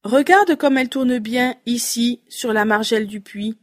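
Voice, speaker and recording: A woman's voice: on the high side, unhurried, very noisy, lightly acted. A woman voicing a timid, tearful young boy in a storybook who asks politely and wails for his lost toy. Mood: asking.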